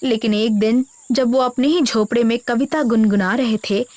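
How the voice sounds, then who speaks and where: Woman narrating a storybook, fairly high voice. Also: normal speed, a little mellow. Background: background music.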